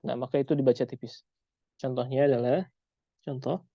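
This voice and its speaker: A man teaching Quran recitation in an online lesson, patiently repeating example sounds slowly. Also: mid-range voice, fairly even intonation, gravelly, no room sound, highs cut off.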